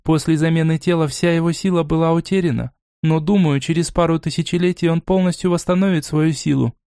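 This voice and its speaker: A man voicing a weary, evasive female elf captive in a raised, soft, tired voice. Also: on the high side, steady tone, fairly quick, smooth, dry recording, clean studio sound, pitched above the performer's own voice, natural voice.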